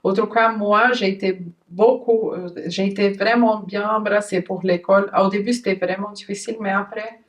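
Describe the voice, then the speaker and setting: A woman who is a mother, hosting a conversational interview, talking in an earnest, halting way with frequent restarts. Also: medium pitch, steady tone. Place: lives in Switzerland. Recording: voice somewhat distant from the mic.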